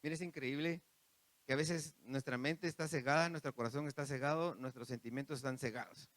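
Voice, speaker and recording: A man's voice: mid-range voice, steady tone, fairly quick, a bit bright, no room sound. A man preaching a sermon, repeating phrases and turning to the congregation with asides. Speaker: pastor.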